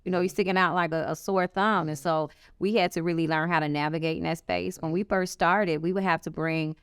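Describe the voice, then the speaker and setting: Candid Chicago-accented woman, low smooth voice. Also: brisk, no echo, studio quality. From Chicago area, United States. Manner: frank, animated storytelling with emphatic asides. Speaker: small business co-founder. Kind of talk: candid conversational interview.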